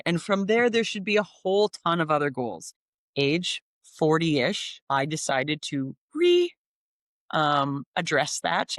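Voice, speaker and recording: A woman's voice: low voice, no echo, studio quality. A woman in her forties from Canada, a singer-songwriter talking in a casual interview, upbeat and enthusiastic with frequent ums and restarts. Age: 40s.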